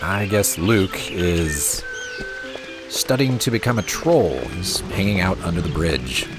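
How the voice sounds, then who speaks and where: A man casually commentating a video game he is playing, thinking aloud in a relaxed, wry way. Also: deep voice, slow, music in the background. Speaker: let's play host. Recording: audible rain noise behind voice.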